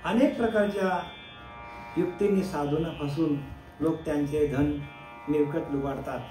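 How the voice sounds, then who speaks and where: A high-pitched man gives a devotional discourse as a spiritual teacher. He asks his listeners questions, answers them himself, and draws out chanted verses slowly. The room is echoey, with faint instrumental music behind him. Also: dark tone.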